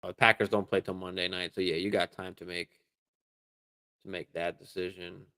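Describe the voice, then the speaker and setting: A man hosting a live fantasy football stream, answering viewer questions in a relaxed, casual way, swearing freely and using lots of fillers and restarts. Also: low-pitched, normal speed. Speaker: fantasy football show host.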